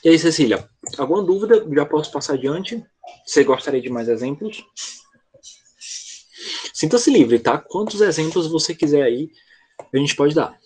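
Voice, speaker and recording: A man's voice: fairly high pitch, animated, moderate pace, pauses often, a little mellow, slightly rough. A man with a Brazilian Portuguese accent, an English teacher explaining grammar step by step in an online class, often checking whether his student follows.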